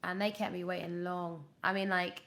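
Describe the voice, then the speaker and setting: Her voice is lowish and her pace moderate. A young British actor on a podcast, she tells anecdotes casually and chattily, giggling and acting out quoted lines, often her own.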